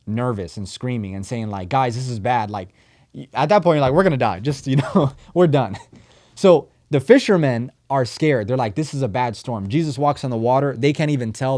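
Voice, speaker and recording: A man, a pastor, preaching a sermon in a conversational way, acting out quoted voices and swinging between loud and soft. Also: medium pitch. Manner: conversational preaching, acts out quoted voices, rises and drops in volume.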